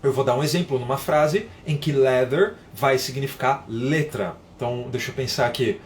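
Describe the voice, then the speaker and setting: A man's voice: mid-range voice, moderate pace, slight background noise. Man teaching English on a live stream. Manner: explains patiently, reads viewer comments aloud. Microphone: phone.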